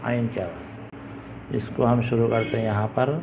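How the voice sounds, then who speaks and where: A man teaching the Urdu alphabet, sounding out each letter patiently and repeating it loudly. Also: medium pitch, a little slow, creaky. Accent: Indian Urdu. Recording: dull lo-fi recording with faint background hiss.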